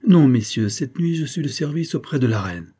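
A man voicing a reserved young captain who speaks in a guarded, measured way. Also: medium pitch, animated, dark tone, husky, pitched above the performer's own voice. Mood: offhand. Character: reserved young male captain, calm and brooding.

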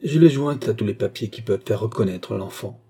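A dying old murderer, voiced by a man reading a novel, his words faint, broken and pleading. The tone is low, dark and breathy. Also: animated, brisk, exaggerated voice. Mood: confessing.

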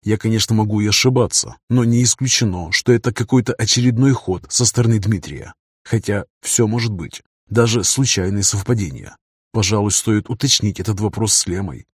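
A man narrating a first-person fantasy novel in a measured, cool manner. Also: fairly low pitch, slightly rough, no room sound, studio quality. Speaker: audiobook narrator.

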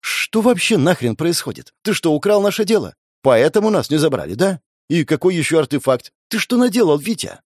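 A man's voice: a little high, big pitch swings, a little fast, hardly any pauses, no room sound, clean studio sound, pitched above the performer's own voice. A man voicing an anxious, timid young woman who talks in a flustered, pleading way. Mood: upset.

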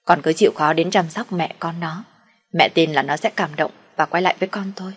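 A woman's voice: deep voice, a little fast, husky. A woman voicing a middle-aged mother who nags and coaxes her grown son. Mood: coaxing. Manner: nagging, then soothing.

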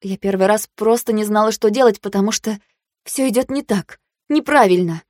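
A woman narrating a first-person fantasy story in an even, measured reading. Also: mid-range voice, no room sound, clean studio sound. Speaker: audiobook reader.

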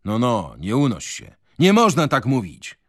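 A man's voice: medium pitch, huge pitch swings, measured pace, no echo, studio quality. A man reading a novel on radio, voicing a skeptical, cautious male prisoner who sneers and philosophizes.

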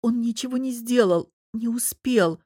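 A distraught young woman, hurt and defensive, sobs through her words in a high, strained voice, as a woman reader puts her on. The delivery is loud and emotional. The sound is dry and close, with no room around it. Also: a little slow, slightly rough, dry recording. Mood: tearful. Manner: sobbing, high-strung pleading.

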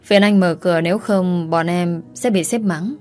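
A woman's voice: on the low side, normal speed, a little mellow, soft background music, lightly acted. A woman voicing a polite, hesitant hotel employee. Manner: hesitant, deferential.

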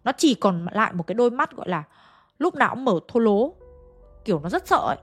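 A woman's voice: a little high, very animated, quick pace, slightly rough, soft background music. Chatty woman telling a ghost story. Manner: chatty, addresses listeners directly.

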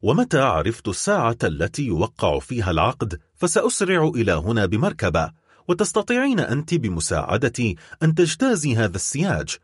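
A man reading an audiobook, voicing a desperate young man in love, speaking gravely and with resolve. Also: mid-range voice, no echo, clean studio sound.

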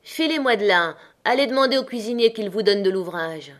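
A woman's voice: medium pitch, lively intonation, fairly quick, lightly acted. A woman voicing a stern male sea captain in a storybook reading, giving clipped commands. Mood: commanding.

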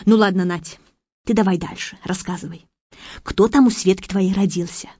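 A simple-hearted young pregnant woman in a ward, soft and a touch plaintive, as a woman reads her part. The voice is dark and mellow, and the recording is dry and muffled. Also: medium pitch, normal speed, husky, no echo, lightly acted. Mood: gossipy.

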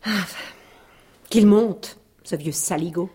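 A woman's voice: on the low side, a little slow, warm tone, husky. An actress playing a brash, slangy courtesan who mocks everyone around her, in a 1980s radio drama. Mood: scornful. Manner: slangy, cackling, mocking. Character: brash mocking woman, a kept courtesan queen of Paris.

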